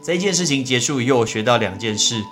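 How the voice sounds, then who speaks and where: A man hosting a podcast, telling a story and then teaching English words, lively and animated. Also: soft background music. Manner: lively, swings pitch up when telling the story, slow when drilling words. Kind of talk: casual storytelling and vocabulary lesson.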